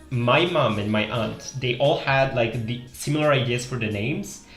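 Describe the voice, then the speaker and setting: A young adult livestream host from Italy chats casually while drawing, thinking aloud and drifting into trailing fillers. His voice sits in the mid-range. The headset recording, made in a small room indoors, carries a roomy echo with soft music beneath.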